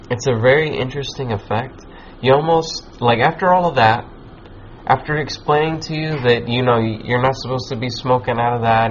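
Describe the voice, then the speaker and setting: Rambling stoner guy, muffled noisy recording. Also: medium pitch. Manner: laid-back stoner talk, rambling and slangy with swearing. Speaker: podcast host. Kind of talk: casual chat, giving advice. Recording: muffled lo-fi with background noise.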